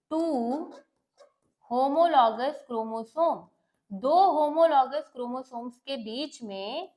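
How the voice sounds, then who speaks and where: A woman teacher speaks in a high, clear voice. She walks through the lesson step by step, posing questions and answering them herself while mixing Hindi with English terms. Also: a little mellow. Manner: explains step by step, asks and answers her own questions. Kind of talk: bilingual classroom lecture.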